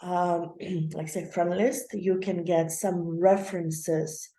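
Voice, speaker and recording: Woman, young adult, low mellow voice, casual chatty host, roomy echo. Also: fairly even intonation, slow pace. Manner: chatty, loose, many fillers and laughs. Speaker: channel host. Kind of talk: casual explainer talk.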